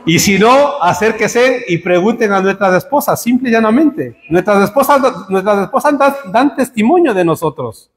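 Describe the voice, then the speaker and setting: A man preaching a sermon to his congregation, joking with them and building to emphatic high peaks. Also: animated, normal speed, few pauses. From Spain. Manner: humorous, rising to emphatic peaks. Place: church hall. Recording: echoey church hall.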